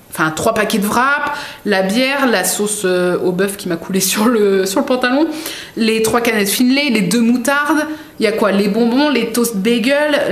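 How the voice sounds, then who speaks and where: A woman vlogging an unboxing in a casual, rambling way, full of fillers and self-corrections. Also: mid-range voice. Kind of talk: casual chatty product unboxing. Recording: echoey room with faint background noise.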